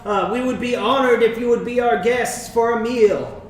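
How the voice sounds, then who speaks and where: A man's voice: very high voice, moderate pace. A man voicing a polite male sailor who welcomes travelers aboard, speaking hesitantly and courteously. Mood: welcoming. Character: courteous male sailor greeting adventurers at sea. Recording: echoey room, distant mic, noisy.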